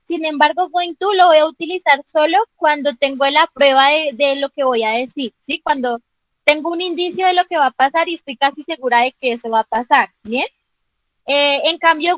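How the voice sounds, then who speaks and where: A woman's voice: sits high, normal speed, a bit bright, no room sound, rough recording. A woman teacher explaining grammar in an online class, patiently checking understanding with frequent questions and calling on students by name. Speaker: English teacher.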